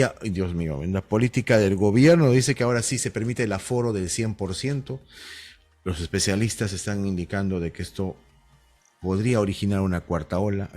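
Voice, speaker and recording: Lively Peruvian man teaching a class. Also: on the low side. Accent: Peruvian Spanish. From Huánuco, Peru. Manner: animated, jokey, acts out slang dialogue. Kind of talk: online class lecture.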